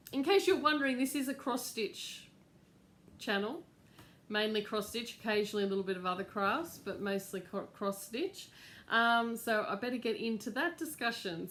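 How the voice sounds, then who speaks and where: A middle-aged woman, hosting a crafts channel in a casual, rambling chat at home with lots of fillers. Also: medium pitch. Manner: chatty, rambling, with fillers and laughs. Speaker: cross-stitch channel host.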